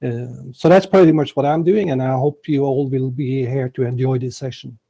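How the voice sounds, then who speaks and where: A man's voice: mid-range voice, fairly even intonation, moderate pace, vocal fry, dark tone. A man from Norway introducing himself on a conference panel, hesitant, with frequent uhs. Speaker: digital marketing coach. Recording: muffled, dull audio.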